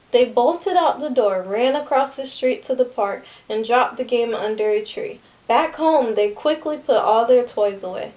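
A woman reading a children's picture book aloud with lively, expressive narration. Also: on the high side, rough recording. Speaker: storybook reader.

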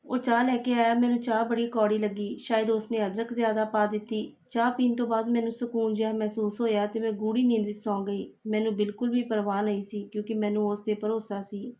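A woman reading a first-person story aloud in a steady, even way. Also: a little high, a little fast, few pauses, muffled recording.

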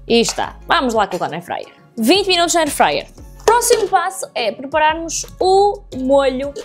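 A young woman with a European Portuguese accent cooks in her home kitchen for a casual tutorial vlog, chatting straight to her viewers. Her voice is high-pitched and sing-song at a normal speed, with soft music in the background.

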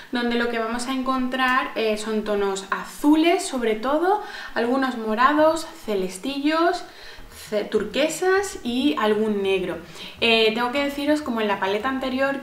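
A woman from gives a casual makeup review to her viewers. Her voice sits a little high and her talk is chatty, with many fillers and restarts. The room around her sounds echoey. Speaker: beauty vlogger.

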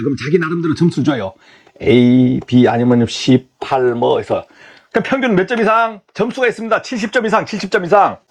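A man's voice: a little high, husky. A middle-aged man giving a blunt, coarse, informal lecture on job interviews, acting out the exchanges.

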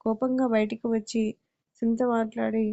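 A woman's voice: on the high side, little pitch movement, moderate pace, gravelly, mellow. A woman narrating a family audio story, reading every character's lines in much the same voice. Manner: reads all characters in her own voice with small shifts. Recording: dull lo-fi recording.

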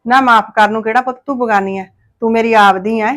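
A woman playing a gentle ailing mother-in-law. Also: a little high, fairly even intonation, fast talker, lightly acted, low-quality recording. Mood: coaxing. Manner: soft, coaxing, motherly. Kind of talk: village family short-film acting.

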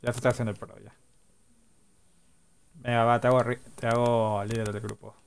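A man's voice: medium pitch, little pitch movement, normal speed, vocal fry, smooth. Teasing streamer man. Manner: teasing, swears casually. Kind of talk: casual gaming chat.

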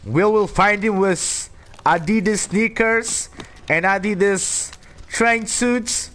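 A game streamer chats casually and playfully over his gameplay. His voice sits high and a bit bright, and he talks slowly. Game ambience is clearly audible in the background.

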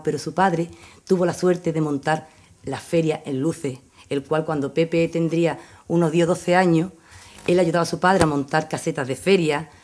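Andalusian councilwoman, middle-aged, deep voice, chatty speech into table mic, repeats stuff for emphasis. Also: darkish tone. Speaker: town councillor. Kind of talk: informal press conference speech. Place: indoor press room. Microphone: table microphone.

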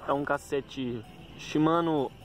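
A man's voice: fairly high pitch, slow, soft background music. A Brazilian man giving a casual, improvised vlog rundown of gear, informal and correcting himself as he goes, recorded outdoors on a handheld phone. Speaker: bike owner presenting a gear check. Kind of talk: casual vlog commentary, listing parts.

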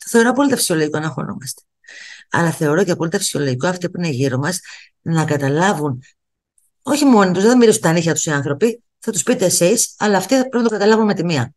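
A woman's voice: on the low side, lively intonation, darkish tone. A middle-aged woman giving a motivational talk, speaking straight to her viewers and repeating key phrases for emphasis. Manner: addresses viewers directly as kids. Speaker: motivational coach.

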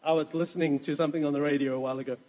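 A man's voice: on the high side, fairly even intonation, very fast, a little mellow, big-room sound, low-quality recording. A man preaching a sermon as pastor, telling stories in a chatty way with asides. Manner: conversational storytelling with asides.

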